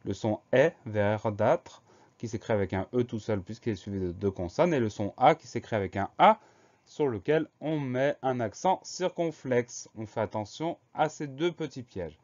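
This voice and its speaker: A man's voice: mid-range voice, expressive, normal speed, a little mellow. A man teaching a spelling lesson, patiently spelling out words letter by letter. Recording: slightly muffled recording.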